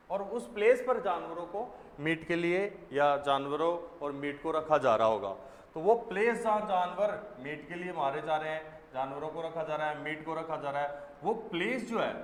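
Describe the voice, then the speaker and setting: Male teacher, high voice, patient step-by-step explainer, reverberant classroom sound. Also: a little hiss or hum. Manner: explains step by step, repeats key words, asks and answers his own questions. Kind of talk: exam vocabulary lesson.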